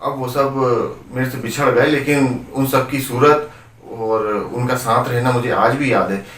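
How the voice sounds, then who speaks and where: A troubled, worn-down man speaks earnestly and pleadingly, as a male storyteller puts him on. The voice is ordinary in pitch and sounds far from the mic, in a roomy, echoing space. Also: fairly even intonation, a little slow, a bit bright, lightly acted. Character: troubled, desperate middle-aged man in depression.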